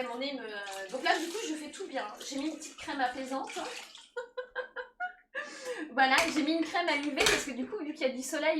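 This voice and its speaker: Woman streamer, high bright voice, chatty and laughing, kitchen mic a bit far off in an echoey room, faint hiss. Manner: chatty, laughs often, thanks viewers, talks to her cat. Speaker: streamer cooking live. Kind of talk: casual live-stream chat while cooking.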